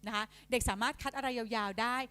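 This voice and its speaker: Brief: woman trainer for teachers, fairly high voice, polite, spells out sounds, dry close recording. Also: smooth, dry recording. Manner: demonstrative, sounds out letters and syllables slowly; polite, frequent soft tag particles. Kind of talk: instructional talk to teachers.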